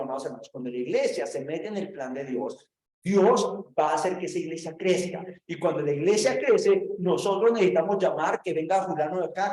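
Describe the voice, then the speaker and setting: A man's voice: a little high, mellow, roomy sound, rough recording. A man giving a preaching-style Bible lesson, talking conversationally, repeating phrases and turning to the listeners directly. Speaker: theology teacher.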